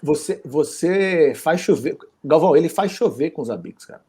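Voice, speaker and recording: A man's voice: on the high side, expressive, moderate pace, warm tone, breathy edge. Chatty Brazilian man hosting an interview. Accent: Brazilian Portuguese. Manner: chatty, informal, jokey. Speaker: interview host. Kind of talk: live online interview.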